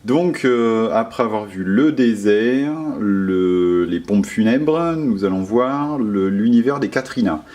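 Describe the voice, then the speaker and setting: Male vlogger, lowish voice, hesitant narration of decorations. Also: expressive, slow pace, hardly any pauses, a little mellow. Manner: hesitant, many fillers and restarts. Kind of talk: casual voice-over tour of decorations.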